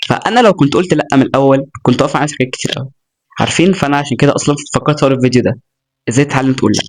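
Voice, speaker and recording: In a racing, medium-pitched voice, a young male self-improvement vlogger with an Egyptian Arabic accent speaks to camera, giving casual motivational talk that is earnest and chatty, with joking asides.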